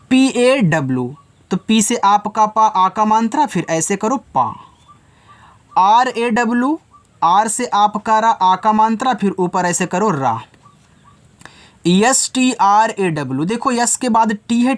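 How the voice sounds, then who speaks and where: A man gives a casual reading lesson, spelling each word out slowly letter by letter. His voice sinks low and quiet at the end of each phrase. The tone stays easygoing, like a tutor talking to kids. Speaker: English teacher.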